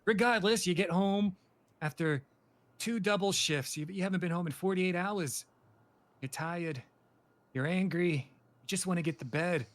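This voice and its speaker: A man's voice: sits high, unhurried. A man running a game roleplay scenario as an interviewer, chatty and rambling, slipping into comic bits. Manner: chatty, rambling, slips into panicky comic yelping.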